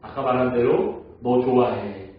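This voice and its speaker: A man preaching a Sunday sermon as pastor. He tells stories, asks the congregation questions and acts out quoted lines in a softer, slower voice. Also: mid-range voice. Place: church sanctuary. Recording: echoey church hall, mic at a distance, dull sound.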